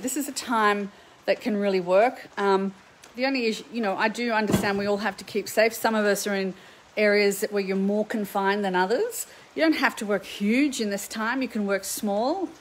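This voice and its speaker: A woman's voice: medium pitch, normal speed, rough recording. A middle-aged woman with an Australian accent, an art teacher chatting live to viewers from her home painting studio in an upbeat, chatty way. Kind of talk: live stream chat to viewers.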